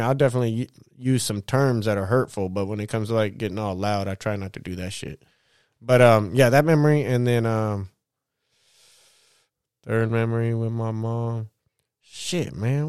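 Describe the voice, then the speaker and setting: Brief: young Southern California man, relaxed street-slang storyteller, smooth voice, close and dry. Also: mid-range voice, moderate pace, dry recording. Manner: laid-back, slangy, profane, lots of shout-outs. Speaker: vlogger. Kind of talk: casual storytelling monologue.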